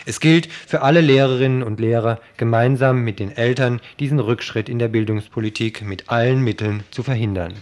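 A man's voice: medium pitch, fairly quick, hardly any pauses, a little mellow. A man reading a scripted political commentary for radio.

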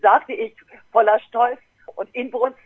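A woman in her fifties, an interview guest, telling a story in a lively way and acting out her relatives' voices over a phone line. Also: fairly high pitch, slow pace, slightly rough, no room sound. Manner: animated, acts out family members' voices. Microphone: telephone. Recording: tinny dry phone line.

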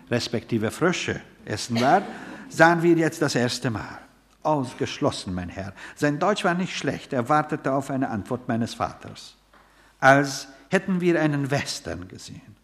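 A man reading a literary story aloud in a measured, wry storytelling manner. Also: medium pitch. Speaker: narrator.

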